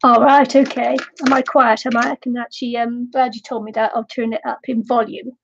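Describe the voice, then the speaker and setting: A middle-aged craft vlogger chats casually while crafting on a live stream, rambling and giggling often, a little nasal from a cold. Her voice is slightly high, gravelly and brisk with a flat delivery. The sound is lo-fi with background noise.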